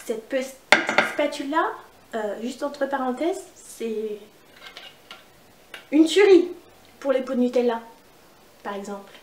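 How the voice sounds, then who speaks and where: A woman's voice: high voice, lively intonation, a little slow, pauses often, roomy sound, distant mic, noisy background. A woman with a northern French accent giving a chatty, upbeat cooking demonstration at home, talking straight to her viewers. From northern France. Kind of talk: casual cooking demo.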